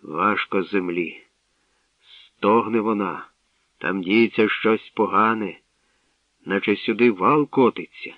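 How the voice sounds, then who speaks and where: A man voicing a wise old bard who speaks in measured, sage-like sayings, in a tinny, distant radio recording. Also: fairly low pitch, no echo. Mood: grave. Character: wise old male bard, calm and sly.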